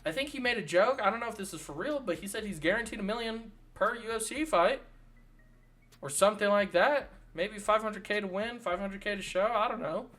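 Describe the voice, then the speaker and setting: A man's voice: high-pitched, a little fast, a bit bright. A man hosting his own channel, ranting about fighters in casual, sarcastic commentary full of swearing. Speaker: channel host.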